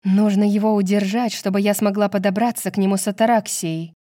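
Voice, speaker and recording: A woman voicing a fierce, sharp-tongued young woman fighter with a curt, mocking manner. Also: mid-range voice, fairly even intonation, fairly quick, dry recording, studio quality, close to an everyday voice.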